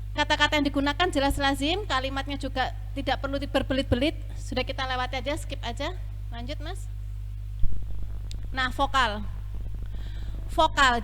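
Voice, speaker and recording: Brief: young woman trainer, high and bright, upbeat, gets the room repeating vowels. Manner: upbeat, coaxes the group to repeat aloud. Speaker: front office trainer. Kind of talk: lively training session.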